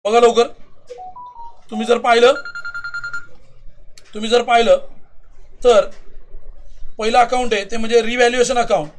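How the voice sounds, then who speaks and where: High-voiced Indian teacher drilling a class. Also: male voice, little pitch movement. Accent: Marathi. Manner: urges students to answer aloud quickly; repeats and drills steps. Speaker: commerce teacher. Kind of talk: accounting lesson.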